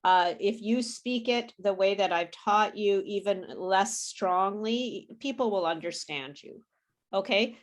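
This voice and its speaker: A woman's voice: medium pitch, a little slow. American lady teacher, standard accent, casual online class, encouraging, shows sounds word by word. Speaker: pronunciation teacher.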